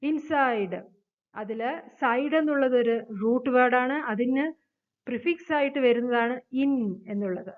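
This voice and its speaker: A woman with a Malayali accent teaching an English grammar lesson, reading the English rules slowly and explaining them at length. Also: on the high side. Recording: phone-like narrow sound.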